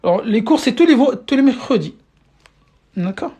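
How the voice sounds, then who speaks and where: In this live-streamed online lesson, an Arabic teacher patiently keeps checking in with the class through questions, repeating words when hunting for the right phrasing. Speaking into a phone or computer mic, the teacher has a mid-range, dark, slightly rough voice with lively intonation at a normal speed.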